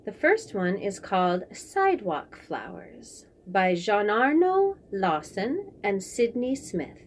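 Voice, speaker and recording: Very animated but slow-paced, this medium-pitched woman hosts a children's picture book reading, with a little hiss or hum in the audio. She describes each page in simple short phrases and quizzes her young listeners.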